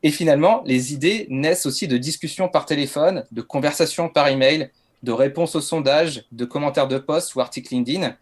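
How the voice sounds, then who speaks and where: A LinkedIn content coach from France gives a masterclass on writing social media posts. His voice is a little high and brisk, and his delivery is casual and hesitant, full of fillers.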